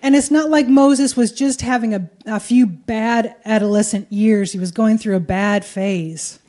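A woman preaches in a fairly high, warm voice that stays steady and a little slow. She keeps the sermon conversational and colloquial, pausing in short phrases so it can be interpreted live.

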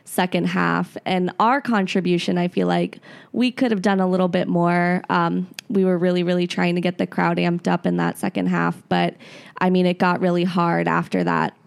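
A woman's voice: lowish voice, flat delivery, normal speed, creaky, smooth. A woman talking casually on a sports podcast about the fan section's energy, laughing and correcting herself. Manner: giggly, self-correcting. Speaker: supporter-section guest.

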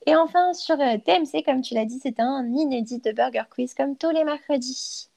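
A young woman talks through the evening's TV listings on live radio. Her voice sits fairly high with a gravelly fry, and she pauses often on fillers and corrects herself mid-sentence. The sound is dry and close to the mic. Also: dark tone, dry recording. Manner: hesitant, many fillers and self-corrections. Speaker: radio columnist presenting TV listings.

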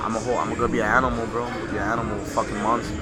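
A man's voice: fairly low pitch, flat delivery, very fast. A young man chatting casually in a frat bro manner, telling stories with slangy, filler-heavy talk peppered with "bro". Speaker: amateur fighter in training. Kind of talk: casual chat, animated storytelling.

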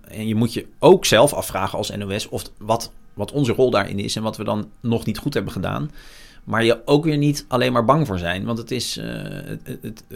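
A man in his forties, a news journalist, talking frankly and reflectively in an interview, often pausing with hesitations. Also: lowish voice, creaky. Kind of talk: candid interview conversation.

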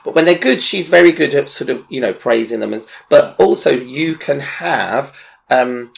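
Very gravelly chatty man. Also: mid-range voice, animated, moderate pace. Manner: chatty, enthusiastic, rambling with fillers. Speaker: presenter. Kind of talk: casual chat recommending online creators.

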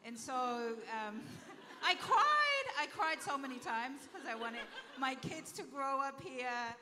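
A woman from Tonga sharing a heartfelt church testimony in a soft-spoken way. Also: high voice, very animated, slow, long reverb tail, background noise. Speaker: panel speaker at a church event. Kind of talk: testimony talk.

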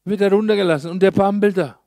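A male pastor preaching a sermon, telling a story in a lively way with slow, emphatic pauses. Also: high voice, no room sound.

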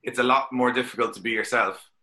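A man's voice: mid-range voice, steady tone, fast, bright, forceful tone. A man with an Irish accent, a guest on a podcast, chatting casually and opinionatedly with many restarts. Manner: opinionated, loose rambling with restarts. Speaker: podcast guest, drifting driver.

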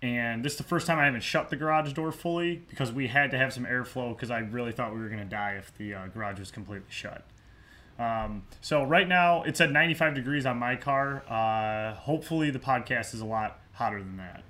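Young guy hosting a sports pod in his garage, bright punchy voice, swears a lot, pokes fun at himself. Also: mid-range voice, a little fast. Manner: loose, profane, self-mocking. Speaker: podcast host. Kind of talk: casual sports podcast chat. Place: hot home garage.

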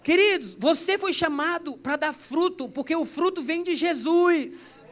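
A man with a strikingly high voice preaches a relaxed, conversational sermon. He jokes with the congregation and slips into storytelling as he goes. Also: a little slow. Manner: chatty, joking, storytelling. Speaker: pastor. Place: church service.

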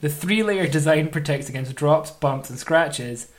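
Male podcast host, slightly high voice, jokey read-aloud delivery. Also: a little slow, crowd noise. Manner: jokey, reads aloud playfully. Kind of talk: casual chat.

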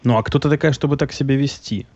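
Male call recipient, rude and mocking, quick talker, slightly lo-fi sound. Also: mid-range voice, a little mellow, no room sound. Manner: rude, mocking, swears, speaks fast. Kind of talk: mocking phone argument. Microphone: phone. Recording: slightly dull recording with faint hiss.

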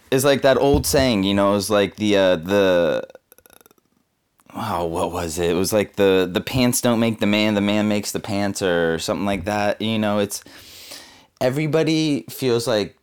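Young man from Southern California, slangy cynical vlogger, lower pitch. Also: smooth. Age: 20s. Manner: laid-back, slangy, cynical, full of fillers. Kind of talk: casual rambling monologue.

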